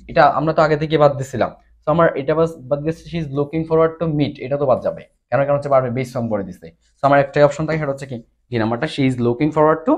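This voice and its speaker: A man with a Bangladeshi accent giving an exam-prep English lesson, explaining step by step and mixing English terms into his talk. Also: a little high. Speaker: English teacher.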